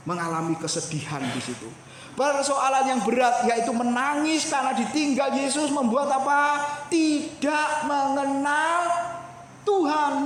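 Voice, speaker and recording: Guy preaching in church, high voice, keeps talking to the congregation, big echoey hall. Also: a little hiss or hum. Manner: animated preaching with congregation asides. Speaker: pastor. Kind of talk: sermon.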